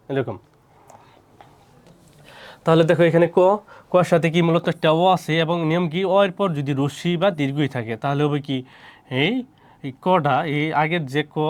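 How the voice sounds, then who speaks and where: A man's voice: on the high side, darkish tone. A man from Bangladesh teaching pronunciation rules, repeating himself and asking questions he answers himself. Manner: repetitive, asks and answers his own questions. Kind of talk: spoken lesson on pronunciation rules.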